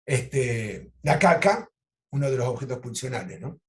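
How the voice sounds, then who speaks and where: A man with an Argentine Spanish accent, a psychoanalyst lecturing over a video call and telling clinical cases in a lively, animated way. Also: mid-range voice, a little slow. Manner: animated storytelling, acts out quoted lines. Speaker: psychoanalyst teaching an online course.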